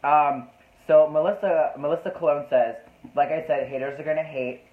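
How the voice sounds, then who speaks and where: A man's voice: a little high, fairly even intonation, moderate pace, echoey room, narrow, tinny audio. A man hosting a casual live-stream chat, flamboyant and talkative, reading out viewer comments. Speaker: host. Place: New York City.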